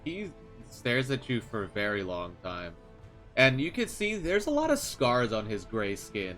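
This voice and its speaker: A man's voice: mid-range voice, big pitch swings, a little slow, fairly bright tone, soft background music. A man narrating a tabletop game as game master, describing scenes in detail.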